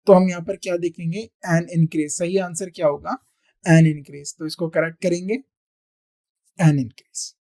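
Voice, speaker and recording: A teacher giving an exam-prep grammar lesson, at a middling pitch. The voice keeps asking the class questions and answering them. English example sentences are read out slowly, word by word. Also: darkish tone. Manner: repeats key answers several times.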